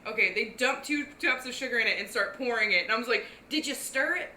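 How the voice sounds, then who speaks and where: A young woman in easy podcast conversation, blunt and loose with swear words, her speech full of "like". Her voice is fairly high and bright. The room echoes around her, with a faint hum of ambience. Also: fast talker. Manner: blunt, swears freely, peppered with "like". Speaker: podcast guest. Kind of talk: casual chat.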